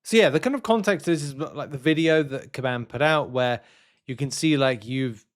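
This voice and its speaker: Hosting a gaming news video, a man reads out announcements and muses on them at normal speed in his mid-range voice. He sounds casual and hesitant, rambling as he thinks aloud.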